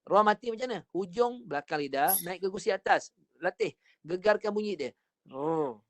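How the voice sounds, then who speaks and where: Slightly high-voiced Malaysian Quran teacher. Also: male voice, a bit bright, no echo. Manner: patient, repeats and drills letter sounds slowly. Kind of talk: online recitation lesson. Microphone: online class call.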